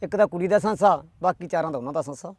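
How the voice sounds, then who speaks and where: A man's voice: sits high, quick pace, no room sound. A man telling a folk tale in a rustic, chatty way, tagging every quote with who said it. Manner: rustic, chatty, with constant "he said, she said" tags. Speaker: storyteller.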